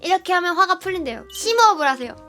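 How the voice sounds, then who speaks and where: A young woman streaming live, reading a workbook aloud and answering it with sarcastic, irritable remarks and sudden loud yells. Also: very high-pitched, animated, racing, soft background music.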